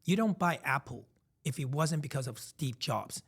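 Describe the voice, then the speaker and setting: A man's voice: mid-range voice, animated, moderate pace, slightly rough. Man, thirties, from Taiwan; podcast co-host, reflective and emphatic, repeats himself as he works through ideas. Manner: reflective, emphatic storytelling with frequent restarts. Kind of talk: casual podcast chat.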